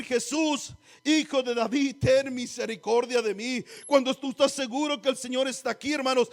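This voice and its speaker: A man preaching a sermon in church, exhorting the congregation, often calling them brothers and asking them rhetorical questions. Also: extremely high pitch. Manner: exhorting, often calls listeners "hermanos", asks rhetorical questions.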